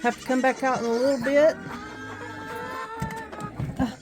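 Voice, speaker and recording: Over music, a woman with a high, fairly level and unhurried voice narrates a casual vlog into a handheld phone while feeding animals on a small farm with goats, pigs and chickens. She talks to her viewers and to the animals as she does outdoor chores, calling to them in a sing-song way and sounding a little out of breath.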